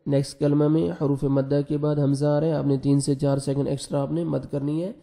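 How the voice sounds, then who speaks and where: A man teaching Quran recitation whose first language is Urdu. He switches between brisk spelled-out explanation and slow, stretched chanting. His voice is dark and mellow, set a little high, with very little rise and fall. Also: flat delivery, creaky. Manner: alternates rapid explanation with slow drawn-out recitation. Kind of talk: tajweed lesson, spelling out letters and reciting slowly.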